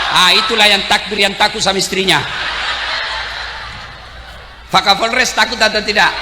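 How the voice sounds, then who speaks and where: A male preacher giving a humorous, animated sermon to a crowd, shouting and joking. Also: very high voice, slight background noise. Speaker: Islamic preacher. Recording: echoey hall, faint ambience.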